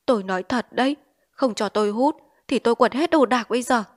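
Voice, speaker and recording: A woman's voice: a little high, brisk, natural voice. A woman reading an audiobook, voicing a desperate male opium addict in withdrawal who whines and begs. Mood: begging. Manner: whining, pleading, frantic.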